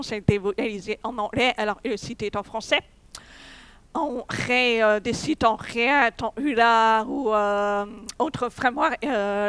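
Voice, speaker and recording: A woman's voice: fairly high pitch, a bit bright, clear, resonant tone, no echo. A young woman giving a technical conference talk, hesitant, with many fillers and restarts. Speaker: conference speaker. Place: conference hall.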